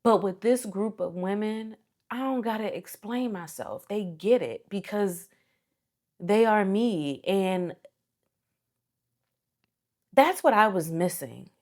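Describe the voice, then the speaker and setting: Woman vlogging in a hotel room, teary, heartfelt, repeats herself, slow unhurried speech, close mic. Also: medium pitch, lively intonation, a little mellow. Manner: slow, repetitive and heartfelt, with many fillers. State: teary from crying. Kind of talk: emotional casual vlog reflection. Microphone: small mic held close.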